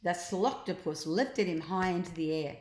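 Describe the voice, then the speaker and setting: An older woman reads a children's storybook aloud in a grandmotherly way, with expressive, drawn-out emphasis. Her voice is fairly low in pitch, and the recording sounds roomy.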